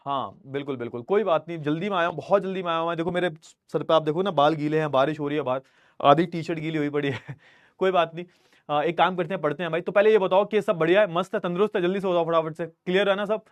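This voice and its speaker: A man's voice: on the high side, quick pace, no echo. A man teaching a casual live online class from a studio, who talks to his students in a friendly, chatty way and keeps checking that his audio comes through. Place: recording studio.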